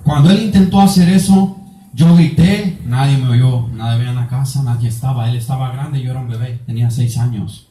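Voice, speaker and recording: A man's voice: medium pitch, a little fast, mellow. A man from Mexico, an evangelist giving an earnest, emotional testimony sermon with much repetition. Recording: echoey room, voice from far off.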